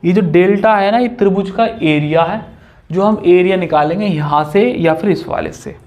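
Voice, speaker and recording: A man's voice: high voice, normal speed, lo-fi sound. A young man teaching a maths lesson at a whiteboard, chatty and casual, joking with his students.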